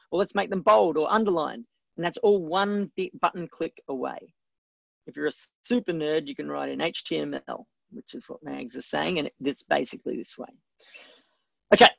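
A man's voice: a little high, creaky, no room sound. A man hosting a live webcast, teaching in an emphatic, conversational way and answering viewer questions. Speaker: webcast host and book coach. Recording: dry, slightly dull webcast audio.

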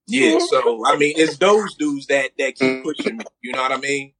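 A man's voice: mid-range voice, lively intonation, moderate pace. A man in his forties from Philadelphia, talking bluntly and with plenty of swearing in a casual podcast chat about music. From Philadelphia, USA. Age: 40s. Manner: blunt, profane and emphatic. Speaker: podcast co-host.

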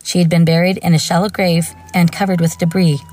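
A woman's voice: fairly low pitch, flat delivery, brisk, darkish tone, soft background music, rough recording. A woman hosting a true crime show, reading scripted narration broken up by informal, wry asides. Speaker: true crime podcast host.

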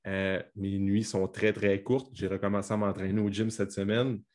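Québécois guy hosting a podcast, really low voice, pretty flat. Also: moderate pace. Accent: Québécois French. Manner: conversational, affirming, with fillers. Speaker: podcast host. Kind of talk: podcast conversation.

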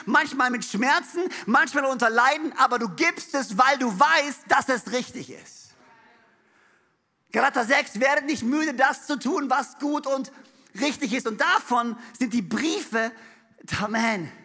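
A male pastor preaching a sermon. He speaks emphatically, building to loud repeated refrains, with playful asides and laughs. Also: very high voice, a little slow.

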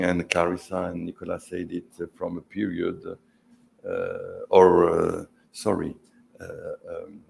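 A very low, creaky male voice with the manner of an investment banker. He is a non-native English speaker who sets out financial points analytically on a panel, halting often as he goes. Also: a little hiss or hum. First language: not English. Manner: investment banker's analytical, jargon-heavy delivery. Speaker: private equity fund manager on a panel. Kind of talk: panel talk on finance, semi-prepared.

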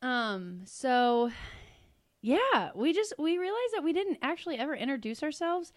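A woman's voice: high-pitched, very animated, a little slow, no room sound, clean studio sound. A woman in her thirties from the Cleveland area with a Northern Ohio accent, chatting casually and giggling as a podcast co-host. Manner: laid-back, giggly, swears casually. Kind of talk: casual chat.

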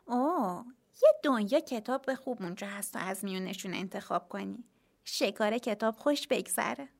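A woman's voice: mid-range voice, expressive, creaky. A woman co-hosting a children's reading show with friendly, light banter. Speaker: co-host.

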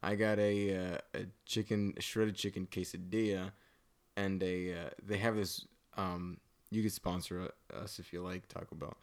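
A man's voice: low-pitched, level tone, moderate pace, clean tone. A man co-hosting and producing a podcast, chatting casually about a movie in a teasing, rambling way with lots of fillers. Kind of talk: casual movie-review chat. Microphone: podcast microphone.

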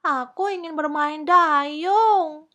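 Storybook: woman voicing a bouncy little princess girl, high, lively and sing-song, drawn out slowly. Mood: eager. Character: excited little girl princess, eager and whiny.

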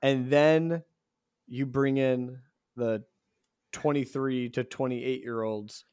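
A young man co-hosting a casual podcast, excitable and saying dude a lot. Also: medium pitch, slow, smooth, dry recording, studio quality. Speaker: podcast co-host. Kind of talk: casual chat.

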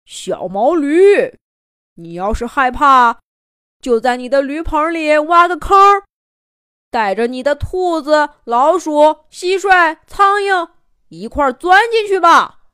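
Woman doing a loud laughing boastful bull. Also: lively intonation, dry recording, studio quality, heavily acted. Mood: mocking, boastful. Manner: slow booming laughter, teasing.

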